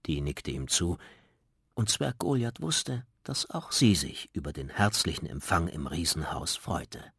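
A man reading a children's story aloud with lively storytelling, close to a studio mic. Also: low-pitched, a little slow, gravelly, slightly rough, no echo. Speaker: reader. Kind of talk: scripted children's story narration.

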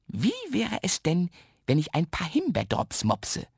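A man's voice: high voice, huge pitch swings, moderate pace, breathy edge, dry recording, studio quality, voice pushed up, full character voice. A man voicing a tiny, mischievous, boastful imp with a round belly in a children's radio story, cheeky and bragging.

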